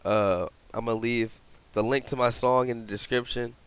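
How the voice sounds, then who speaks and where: A young man reacting to internet videos, laughing often and exclaiming loudly. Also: medium pitch, fairly even intonation, moderate pace, clear, resonant tone. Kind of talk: casual reaction commentary.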